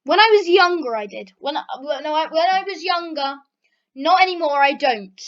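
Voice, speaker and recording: On her channel's Q&A vlog, a British teen girl talks casually at normal speed in a high-pitched voice. Her answers ramble and are full of fillers, recorded with dull, lo-fi audio.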